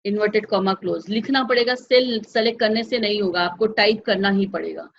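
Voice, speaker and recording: A woman with a mid-range, creaky voice leads a computer class briskly but patiently, walking through each step of the software and confirming the class is with her. The sound is lo-fi with slight background noise.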